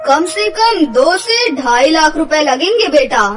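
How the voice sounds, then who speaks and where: A woman's voice: sits high, expressive, takes it slowly, recorded from a distance. A woman putting on a solemn male doctor. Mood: grave. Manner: solemn, delivering bad news gently. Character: grave male village doctor, middle-aged. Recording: background music.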